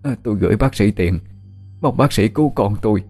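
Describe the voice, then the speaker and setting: A man's voice: on the low side, brisk, mellow, faint music behind. A man voicing a frail elderly mother who pleads tearfully for her son. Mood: pleading.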